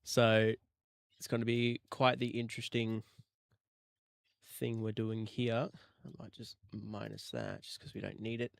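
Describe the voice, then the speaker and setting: A man's voice: lowish voice, lively intonation, a little slow, creaky, dry recording, clean studio sound. A man chatting in a casual, jokey way on a livestream while he edits audio on his computer. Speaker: streamer editing rail audio.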